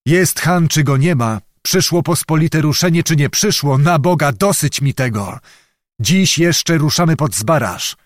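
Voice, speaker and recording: A man's voice: on the high side, lively intonation, measured pace, no room sound, voice pushed up. Man doing a commanding king, fervent, exclaiming, raised voice, dry sound. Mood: angry. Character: agitated commanding male king.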